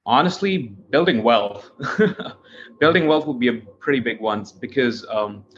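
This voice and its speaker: A man's voice: medium pitch, expressive, a little slow, a bit bright. A man from India, speaking earnestly as an investor guest and using lots of fillers. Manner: earnest, filler-heavy with frequent likes. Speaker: real estate investor guest. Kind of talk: casual interview answer. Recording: dull lo-fi sound with faint noise.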